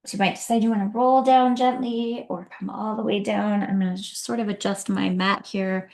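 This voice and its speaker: A woman teaching yin yoga, guiding each movement in a gentle, soothing, unhurried manner. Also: mid-range voice, fairly even intonation, creaky. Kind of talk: guided yoga class instruction.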